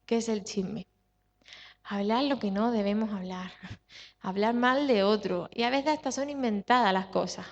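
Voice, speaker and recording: A woman's voice: medium pitch, normal speed. A woman pastor with a Spanish accent from Spain preaching a sermon, stressing points with repetition and questions to the congregation. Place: church hall. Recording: dull sound with long hall reverb.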